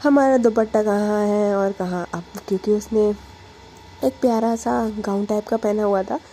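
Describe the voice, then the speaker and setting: Chatty, mellow-voiced woman storyteller. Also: medium pitch, fairly even intonation, moderate pace, a little hiss or hum, low-quality recording. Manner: chatty, mixes English fillers like "like". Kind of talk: casual story narration.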